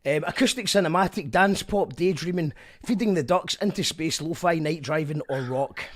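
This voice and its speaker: This Scottish man's voice sits a little high and moves at a moderate pace. He's hosting an online live show, his casual, loose talk frequently breaking off and restarting mid-sentence, while music plays in the background.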